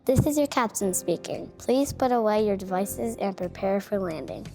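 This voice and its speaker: A woman role-playing a pilot, making plane cabin announcements in a steady, playful, reassuring announcer manner. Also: mid-range voice, moderate pace, creaky, faint music behind. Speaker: pretend airline pilot.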